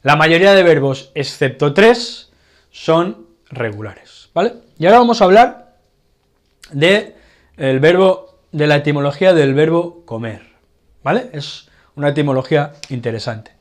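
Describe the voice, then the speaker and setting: Spanish man teaching with a slightly high voice. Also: expressive, measured pace. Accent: Spanish from Spain. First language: Catalan. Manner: explanatory, checks in with frequent "vale". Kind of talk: casual grammar lesson.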